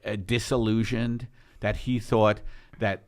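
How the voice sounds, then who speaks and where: A man's voice: on the low side, flat delivery, slow. A middle-aged man hosting a casual comedy podcast, rambling through mock-serious, sarcastic riffs. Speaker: podcast host.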